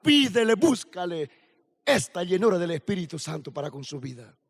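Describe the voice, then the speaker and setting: High-voiced preacher man in a big hall. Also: big pitch swings, gravelly. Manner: slow emphatic preaching with rising shouts. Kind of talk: sermon. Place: large hall at a youth camp. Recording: long hall reverb.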